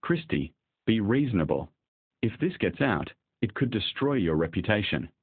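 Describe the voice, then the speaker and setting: Earnest young billionaire husband, read by a man in a low, husky voice; dry, phone-thin sound. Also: big pitch swings, normal speed, no echo, phone-quality sound. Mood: firm.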